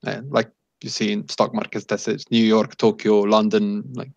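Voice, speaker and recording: A man improvising narration as game master of a tabletop game, haltingly, searching for words. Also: on the low side, flat delivery, vocal fry, darkish tone. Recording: echoey room, dull lo-fi sound.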